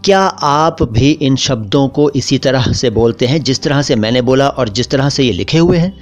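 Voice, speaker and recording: A man with an Indian Hindi-Urdu accent, hosting a pronunciation lesson and repeating words slowly for emphasis. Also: medium pitch, darkish tone. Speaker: language teacher, channel host.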